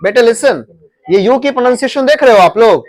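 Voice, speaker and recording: A man's voice: extremely high pitch, animated, a little fast. A man with an Indian accent teaching English grammar to a class, repeating words and drilling pronunciation in Hindi mixed with English. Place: coaching classroom.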